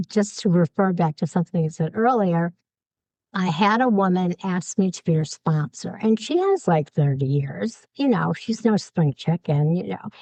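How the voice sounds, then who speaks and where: A woman guest tells her own story with lively, candid energy and acts out each voice she quotes. Her voice sits a little low, and the sound is close and dry with no room echo. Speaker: podcast guest.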